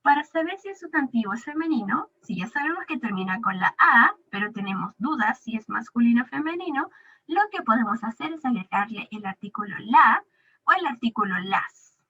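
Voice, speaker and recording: A woman's voice: fairly high pitch, expressive, fairly quick, bright, forceful tone, breathy edge. A woman teacher giving a recorded grammar lesson to a young pupil, patiently drawing out the example words. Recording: dull lo-fi recording.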